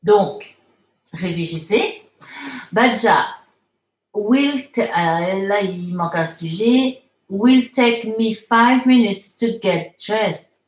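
A woman's voice: mid-range voice, animated, echoey room. A woman teaching English in a live online lesson, patiently reading out viewer comments and correcting them step by step. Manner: slow, patient, explains step by step, frequent fillers.

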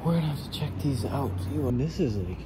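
A man's voice: medium pitch, lively intonation, a little fast. A young man talking casually to his vlog audience, thinking aloud in slangy speech with light swearing. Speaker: vlogger. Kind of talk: casual vlog talk to camera. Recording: clear background noise, handheld vlog recording.

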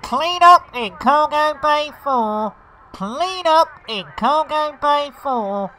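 A streamer using a voice changer to sound like a female station announcer, making slow, deliberate calls over the speakers. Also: lively intonation, sharp tone, a little hiss or hum, heavily acted. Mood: urgent. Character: female station announcer calling urgent cleanups. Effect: voice changer turning his voice high and female. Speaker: gaming streamer.

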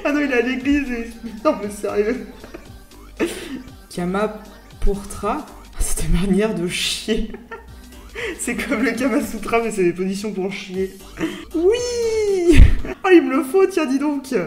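A woman YouTuber giving casual, excitable reaction commentary, swearing and laughing often. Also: mid-range voice, measured pace, pauses often, reverberant, faint music behind. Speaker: YouTuber host.

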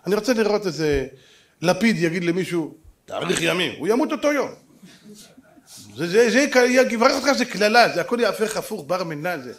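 A man giving a dramatic rabbinic sermon, telling stories and acting out the dialogue, swinging from loud exclamations to hushed asides. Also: high-pitched, expressive. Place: synagogue or lecture hall.

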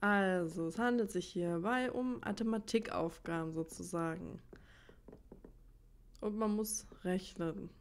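With game music playing, a woman running a let's play channel mutters and thinks aloud, puzzled, as she figures things out. Her voice sits on the low side and is unhurried, with a little hiss or hum in the recording.

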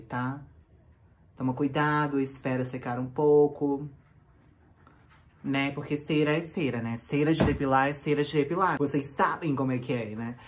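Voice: medium pitch, natural voice. A performer playing a vain, theatrical woman vlogger in a comic sketch, fussing and chatting straight to the viewers. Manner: theatrical, fussy, talks to viewers as babies. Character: vain dramatic woman vlogger waxing her nose.

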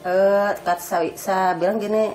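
A woman in her fifties, interviewed at her family home, retelling a shock haltingly and in a shaken way. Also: mid-range voice, steady tone, darkish tone. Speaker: mother of the deceased, interviewee. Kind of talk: emotional interview.

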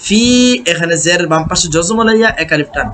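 A man teaching Quran recitation, chanting verses melodically and then explaining pronunciation in quick speech. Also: high-pitched, pushed and bright, slight background noise. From Bangladesh.

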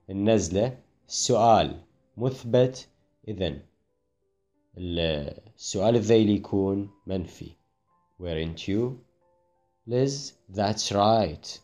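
Slow, mellow-voiced man teaching. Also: mid-range voice. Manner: explains in Arabic, reads English phrases slowly and carefully. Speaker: English teacher. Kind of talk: classroom grammar explanation.

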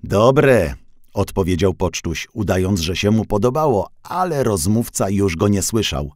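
A man narrating a children's audiobook in an expressive, playful storytelling manner. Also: lowish voice, moderate pace, no echo, studio quality.

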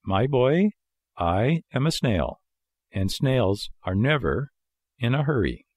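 A man voicing a calm female snail in a storybook, drawing out words in a peaceful, unhelpful way. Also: medium pitch, slow, slightly rough, no room sound, clean studio sound, heavily acted. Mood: placid. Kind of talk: storybook character voice.

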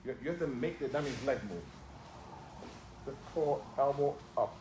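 Picked up by a floor-level camera, this judo coach works a large gym, giving brief commands and going over the same cues again and again. He speaks at a moderate pace in a mid-range voice, and the room echoes amid background noise.

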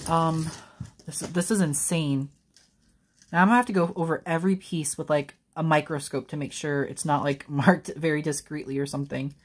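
Young woman reseller vlogging, kinda low voice, gets super excited and giggly. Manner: excitable, gushing, laughs often, says y'all. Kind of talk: casual unboxing vlog.

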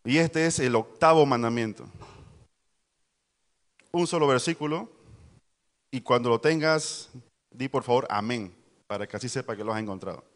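A man's voice: mid-range voice, moderate pace, long pauses. A man preaching to a youth service, telling a fable and quizzing the congregation. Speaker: pastor. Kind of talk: youth sermon storytelling. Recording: long hall reverb.

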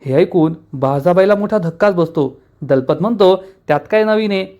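Animated high-voiced man. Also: moderate pace. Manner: quotes each character's lines in an animated voice. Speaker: serial episode recapper. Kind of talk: casual retelling of a TV episode.

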